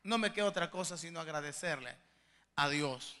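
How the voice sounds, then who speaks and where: A male pastor preaching a sermon, moving between soft, intimate asides and loud, emphatic climaxes, fervent and pleading, often repeating words as he searches for phrasing. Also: fairly high pitch, expressive, normal speed, in a large hall. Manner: fervent and pleading, addressing listeners as beloved brothers.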